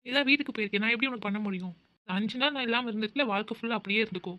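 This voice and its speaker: A woman's voice: fairly high pitch, racing, lo-fi sound, lightly acted. A woman voicing a cold, bitter young man who answers his girlfriend curtly and sarcastically in a cartoon. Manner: curt, sarcastic. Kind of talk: cartoon voice acting.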